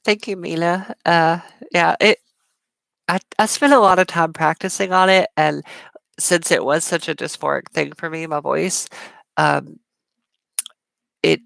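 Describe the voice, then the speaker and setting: A woman's voice: low-pitched, a little slow, gravelly, pauses often, fairly bright tone, dry recording. A woman hosting a casual live Q&A stream, talking chattily with frequent fillers, smiling as she speaks, with strongly sibilant S sounds. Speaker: livestream host.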